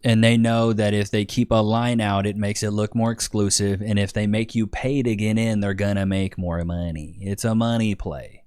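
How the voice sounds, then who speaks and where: A man's voice: on the low side, fairly even intonation, normal speed, hardly any pauses, darkish tone, smooth, no room sound, studio quality. A man co-hosting a casual reaction chat, blunt and opinionated, often calling the others "bro" and "dude". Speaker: co-host reacting to clips.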